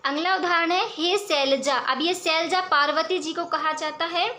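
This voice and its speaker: A woman teacher explaining verse examples in a lesson, reading lines slowly and then explaining them patiently. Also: extremely high pitch, pushed and bright, a little hiss or hum.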